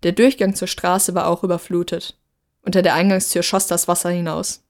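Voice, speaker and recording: A woman narrating a story in a steady, measured reading voice. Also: on the low side.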